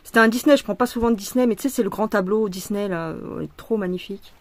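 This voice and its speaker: A woman with a mid-range voice vlogs casually as she embroiders, venting frustration and swearing. She talks fast and rambles, with many restarts and fillers. There is no room sound.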